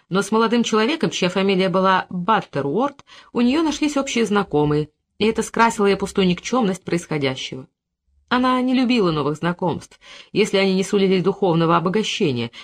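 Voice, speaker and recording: An audiobook narrator reading a literary novel in an even, measured storytelling manner. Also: mid-range voice.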